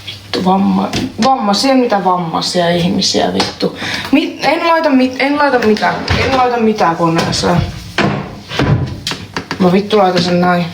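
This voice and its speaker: A woman's voice: medium pitch, animated, gravelly, background noise. Heated swearing woman streamer outdoors. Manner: heated, profane, argues with chat. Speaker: live streamer. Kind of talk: casual live-stream talk to chat. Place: outdoors in a public place.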